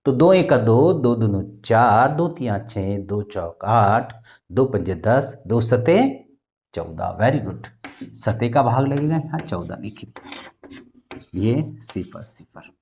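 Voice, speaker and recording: A man with explains arithmetic in a slow, patient classroom manner. He poses questions to the pupils and chants times tables in a singsong. His voice swings widely in pitch, rising on questions and dropping low at the ends of lines. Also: animated, vocal fry, a little mellow. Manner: recites multiplication tables in a singsong way. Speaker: math teacher. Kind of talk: classroom lesson.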